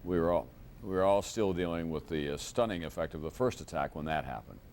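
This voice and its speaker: Deep-voiced male news anchor on old VHS tape. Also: animated, darkish tone, a little hiss or hum. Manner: measured, grave, with frequent pauses and fillers. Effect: old VHS tape recording of a TV broadcast. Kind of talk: live breaking-news anchoring.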